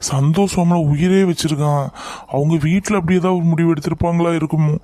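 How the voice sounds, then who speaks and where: A man's voice: a little high, fairly even intonation, quick pace, dark tone, lightly acted. A man playing an anxious older brother in an amateur family skit, reassuring and pleading with his upset sister. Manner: pleading, reassuring, worried muttering asides.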